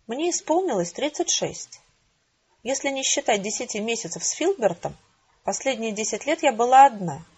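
A woman narrating a first-person audiobook in a measured, dry, even storytelling manner. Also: fairly high pitch, breathy edge, highs cut off.

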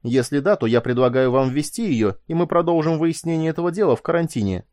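A male narrator voicing a stern, angry woman officer in a raised, higher voice. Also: lively intonation, fast talker, no echo, studio quality, close to an everyday voice. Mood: indignant. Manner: sharp and indignant.

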